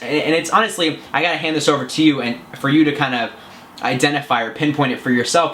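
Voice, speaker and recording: A man's voice: a little high, fairly bright tone, slight background noise. Upbeat man giving chatty vlog advice. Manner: earnest and chatty, with frequent restarts. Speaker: self-help vlogger.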